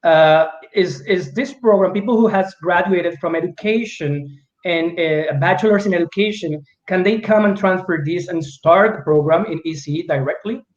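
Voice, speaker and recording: A man who works as an education agent, asking formal, polite questions over a video call and sometimes pausing to search for words. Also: high-pitched. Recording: echoey, dull video-call audio.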